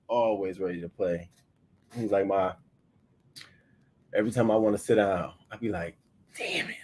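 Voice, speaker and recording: Man, thirties, casual livestream chat, deep pitch, husky tone, webcam mic. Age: 30s. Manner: loose, profane and animated, often bursting louder. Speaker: host of a livestream morning show.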